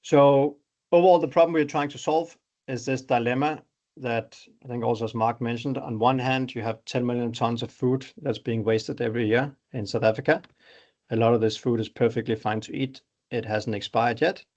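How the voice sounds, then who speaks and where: A middle-aged Danish man with a Danish accent presents his startup in an online webinar, explaining things conversationally and using examples. His voice has a darkish tone, fairly even intonation, and a moderate pace, and the recording is muffled.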